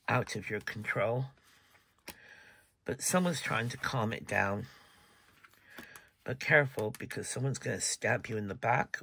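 A man's voice: medium pitch, creaky, fairly bright tone, husky. A man giving a casual tarot reading, chatty, sometimes dropping to a whisper and apologizing for yawning. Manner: chatty, breaks off to yawn and apologize. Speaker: tarot reader.

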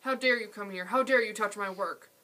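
A woman reading aloud, voicing an angry old male potter who shouts and questions sternly. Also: medium pitch, completely flat delivery, normal speed, close to an everyday voice, poor audio. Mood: furious.

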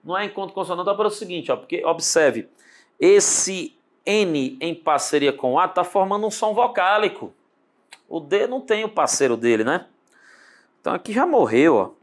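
A man with a Brazilian Portuguese accent teaching an online exam-prep lesson, speaking straight to the student and drawing words out slowly as he breaks them down. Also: high-pitched. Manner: animated, talks to the student directly with lots of tag questions; drawls words out slowly when spelling them.

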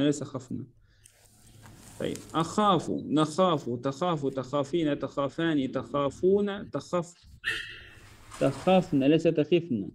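A man teaching Arabic verb conjugation, patiently drilling forms one by one and correcting himself and his student aloud. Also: on the high side. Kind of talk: correcting homework in an online lesson.

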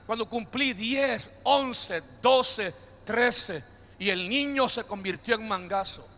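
Bright high-voiced preaching man, hall echo. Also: slow. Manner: preaching with call-and-response to the congregation; jokey, playful asides. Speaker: pastor. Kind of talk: sermon. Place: church hall. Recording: long hall reverb.

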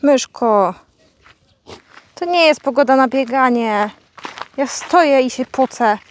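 A woman's voice: sits high, slow pace, slight background noise. A young woman vlogging outdoors on a farmyard, chatting casually to her animals and playfully scolding them.

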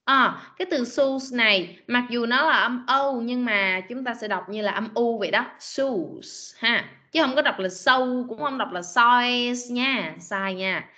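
A woman's voice: a little high, unhurried, few pauses, sharp tone. A woman teaching an online English class to children, patiently drilling words and correcting their pronunciation. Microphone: video call.

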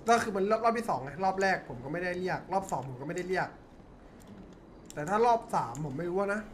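Fast-talking man laying down terms. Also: high voice, lively intonation, a little hiss or hum. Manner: firm, quick-talking negotiator. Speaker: gang member in a role-play server. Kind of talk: in-character role-play chat.

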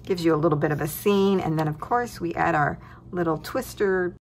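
A woman's voice: fairly low pitch, moderate pace, a little hiss or hum. A woman hosting a craft tutorial, walking through her project at a tabletop desk with cheerful chuckles. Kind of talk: relaxed crafting walkthrough.

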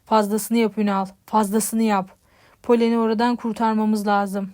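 A woman's voice: medium pitch, little pitch movement, normal speed, a little mellow, natural voice. A woman voicing an anxious, urgent man in an audiobook. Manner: urgent, worried. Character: tense, anxious grown man, worried friend.

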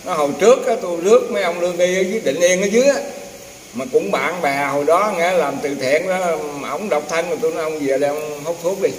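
An older man, a temple herbal healer, casually telling rambling, folksy stories and acting out the dialogue of others. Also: on the high side. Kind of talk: casual storytelling. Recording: echoey, distant, roomy with faint noise.

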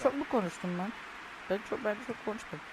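A young gaming YouTuber commentates his own football video game, ranting, complaining and swearing often out of frustration. His voice sits high and is animated and quick, with heavy background noise.

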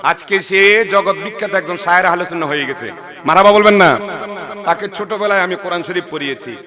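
A man with a Chittagonian accent preaching an Islamic sermon, calling on the crowd to answer and breaking into slow chanted verses. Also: high voice. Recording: loud crowd, live event sound.

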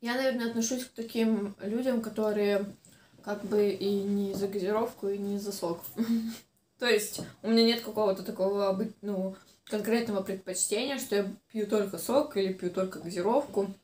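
A young woman in a casual eating-show chat, chewing while she talks. Her delivery is hesitant, at a middling pitch. The room adds clear echo around her voice. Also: fairly even intonation, normal speed, darkish tone. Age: 20s. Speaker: mukbang vlogger. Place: small room indoors. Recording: roomy indoor echo.

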